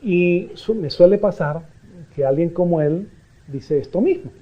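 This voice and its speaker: A man giving a public lecture to an audience, animated and joking with listeners. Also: sits high, unhurried. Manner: animated, jokey asides to audience. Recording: dull lo-fi lecture recording.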